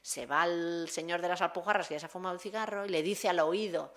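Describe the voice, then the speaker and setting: A woman's voice: on the low side, steady tone, quick pace, fairly bright tone. A woman researcher giving a conference talk, retelling a short film vividly and acting out its dialogue.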